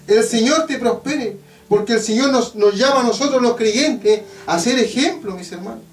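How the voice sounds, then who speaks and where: A very high-pitched man with a Chilean Spanish accent preaches, stretching out his phrases and returning again and again to the same refrain. He is heard from some distance in an echoey church hall. A faint guitar plays underneath. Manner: preaching with drawn-out, emphatic phrases and repeated refrains. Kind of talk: evangelical sermon testimony. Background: faint guitar playing.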